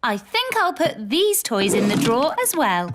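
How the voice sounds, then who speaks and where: A woman voicing a kindly, gently firm schoolteacher in a children's cartoon, sing-song and patient. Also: a little high, big pitch swings, moderate pace, very noisy. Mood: pleasantly curious.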